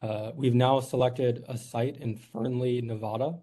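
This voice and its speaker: A man's voice: mid-range voice, steady tone, measured pace, mellow. A man from New York, a company executive giving a formal presentation at a board meeting, earnest and polite, with frequent "uh"s. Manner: earnest, filler-heavy, polite.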